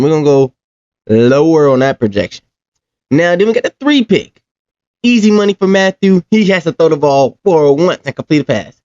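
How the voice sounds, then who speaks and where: A man's voice: fairly high pitch, a little mellow, no room sound, dull audio. A man from the United States hosting a reaction video, talking in a loose, joking, slangy way. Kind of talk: casual reaction commentary.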